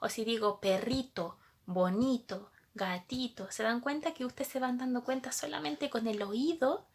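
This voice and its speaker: A woman's voice: fairly high pitch, breathy edge. A woman teacher, patiently explaining a lesson to young pupils and asking them questions as she goes.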